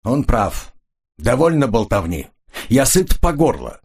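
A man's voice: mid-range voice, sing-song, unhurried, darkish tone, husky, pitched above the performer's own voice, full character voice. A man voicing a cool, mocking tough-guy hero in a hard-boiled audiobook. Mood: cold. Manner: ironic, sardonic.

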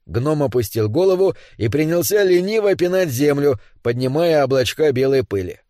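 A man narrating a storybook in an expressive, measured manner. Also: fairly high pitch, no room sound, clean studio sound. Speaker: audiobook narrator.

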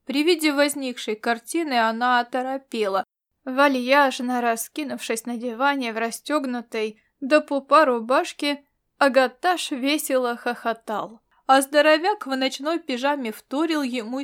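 Woman narrating an audiobook, higher voice. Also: moderate pace, clean tone. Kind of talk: scripted narration.

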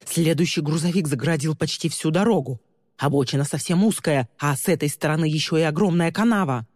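A man doing a calm, scheming driver. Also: a little high, a little fast, no room sound, clean studio sound, big-room sound, natural voice. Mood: matter-of-fact. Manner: calm, flat and matter-of-fact, coolly menacing. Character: cool, scheming young man driving a limousine.

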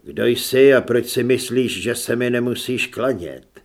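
A man's voice: mid-range voice, lightly acted. A male audiobook narrator voicing a ruthless, cold conquistador lord who gives short, curt orders. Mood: demanding. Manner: curt, commanding. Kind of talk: audiobook character reading.

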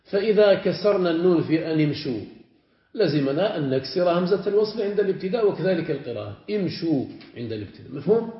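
A man with a fairly high voice teaches a grammar lesson as a sheikh. He says each word form aloud several times and pauses to check that his students understand. The lo-fi recording sounds muffled, and it carries the echo of a roomy classroom. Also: lively intonation.

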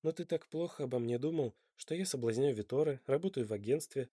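A man's voice: medium pitch, fast, mellow, no room sound, studio quality, lightly acted. A man voicing a spirited, stubborn young woman who answers with indignant, ironic retorts in an audiobook. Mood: startled.

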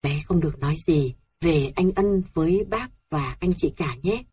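A woman voicing a calm, firm older sister who comforts and admonishes her younger sibling. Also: sits low, normal speed, slightly rough, heavily acted. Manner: soothing, admonishing.

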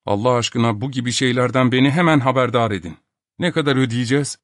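A man's voice: medium pitch, fast talker, dry recording, studio quality, close to an everyday voice. A man voicing an irritable elderly professor, exasperated and commanding. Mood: brisk.

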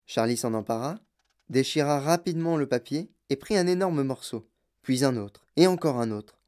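Man, audiobook narrator, expressive storytelling, medium pitch. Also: moderate pace. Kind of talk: scripted narration.

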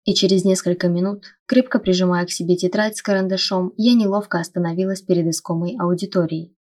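Low-voiced woman reading an audiobook. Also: fairly even intonation, fast, darkish tone. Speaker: audiobook narrator. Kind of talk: first-person audiobook narration.

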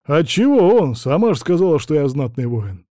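A man voicing an impatient young warrior who speaks loudly and demandingly. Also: on the high side, big pitch swings, normal speed, dry recording, clean studio sound. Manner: demanding, loud.

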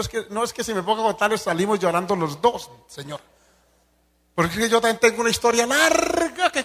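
A man pastor preaching a sermon to fellow pastors. He reads each point slowly, explains it emphatically, speaks straight to his listeners and acts out quoted dialogue. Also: fairly high pitch, a bit bright, long reverb tail.

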